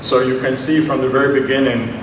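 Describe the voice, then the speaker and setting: A man's voice: mid-range voice, flat delivery. Guy in his 70s giving a talk, far from the mic, lots of room echo. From Jamaica. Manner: unhurried, personal, with frequent ums and uhs. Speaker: invited lecturer. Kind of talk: academic lecture with slides. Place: large conference hall. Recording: very echoey hall, distant mic, noisy.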